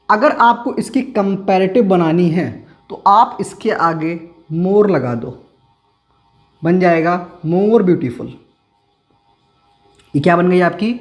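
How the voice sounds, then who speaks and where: An English grammar teacher with a high voice explains a lesson step by step, posing questions to his listeners and answering them himself. He slows down to repeat key terms for emphasis while faint music plays behind him.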